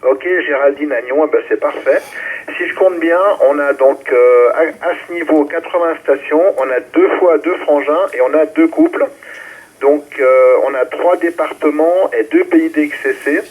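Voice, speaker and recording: Heard over a muffled, narrow-band ham radio relay from a transceiver microphone, a man serves as net controller for an amateur round-table. He calls stations and call signs informally in a darkish, higher-pitched voice at a moderate pace.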